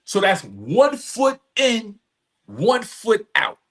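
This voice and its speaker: His high, somewhat bright voice swoops wildly in pitch, and he draws out his words. As a guest on a podcast, he tells personal stories in a frank, emphatic long-form conversation, using street slang and repeated phrases.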